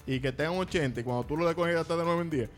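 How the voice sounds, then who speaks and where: A man's voice: on the high side, racing, faint music behind. A man with a Dominican accent telling stories in casual, slangy banter as a podcast co-host.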